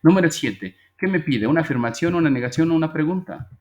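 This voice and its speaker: A man's voice: on the high side, lively intonation, fast, a little mellow, highs cut off. A man teaching an English grammar class, patiently explaining step by step and repeating each phrase before checking that students follow. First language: Spanish.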